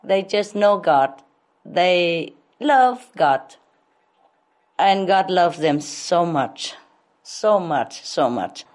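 Woman teacher talking slow and low, repeats herself, laughs a lot. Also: lively intonation, darkish tone. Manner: slow, repetitive, laughs often. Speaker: spiritual teacher answering questions. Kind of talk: slow spiritual talk at a public Q&A.

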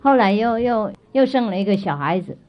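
A woman's voice: medium pitch, animated, fairly quick. Woman telling a story to children. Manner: chatty, checks in with listeners often; repeats and restarts phrases. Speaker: spiritual teacher. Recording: dull lo-fi recording.

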